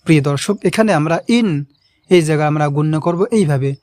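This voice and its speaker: A man's voice: a little high, fast, darkish tone, dry recording. A man who teaches Quran recitation step by step, patiently repeating and drawing out each word. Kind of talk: step-by-step pronunciation lesson.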